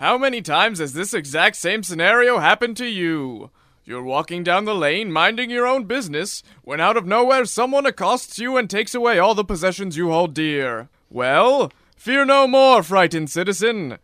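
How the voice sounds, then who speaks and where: This mock infomercial pitch comes from a man playing a hard-selling announcer in a radio comedy spoof, his salesman voice booming. He sounds expressive, pushed and bright at a moderate pace, captured in a dry, clean studio recording.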